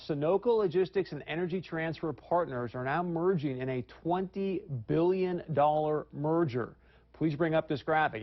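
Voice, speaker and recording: A man's voice: a little high, lo-fi sound. A man hosting an evening news talk show, speaking emphatically and addressing viewers directly.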